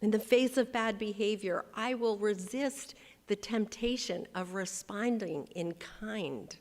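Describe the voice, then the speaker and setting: A long reverb tail follows this woman pastor's mid-range, unhurried voice as she preaches emphatically in a church sanctuary, drawing the congregation into call-and-response.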